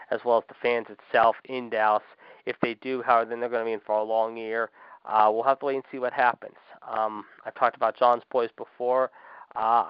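A man hosts a sports talk show, delivering emphatic opinions in a smooth, clear voice, leaning on fillers and a habitual "however". The recording is dry and slightly dull, like a modest home setup. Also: mid-range voice, no echo. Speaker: podcast host. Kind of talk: opinionated sports commentary monologue.

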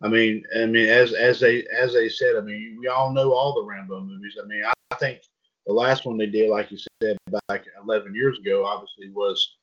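Here a fairly low-pitched man speaks fairly quickly, his intonation fairly even and his tone a bit bright. He's the host of an easygoing pop culture news podcast, reading headlines and stumbling on names over a dull lo-fi recording.

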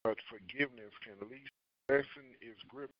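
A man preaching and praying, with a halting, prayerful delivery full of pauses. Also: mid-range voice, muffled recording. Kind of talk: prayer and sermon.

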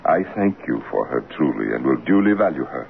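An actor playing an earnest, uneasy widowed father in an old radio drama, sometimes halting and questioning. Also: extremely low pitch, big pitch swings, vocal fry, heavily acted. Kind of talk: 1940s radio acting. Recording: tinny old radio broadcast with hiss.

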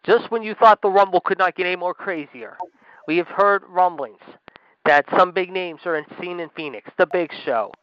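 A man's voice: high-pitched, moderate pace, clear, resonant tone, no room sound. Hyped male wrestling commentator. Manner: excitable, hyped announcing. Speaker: co-host and play-by-play commentator. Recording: dry, dull lo-fi radio audio.

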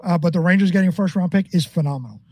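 A man with a high voice co-hosts a sports chat, talking eagerly with plenty of fillers. The recording is dry and close. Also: racing, a little mellow, slightly rough, dry recording. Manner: eager, many "uh" and "um". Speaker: co-host.

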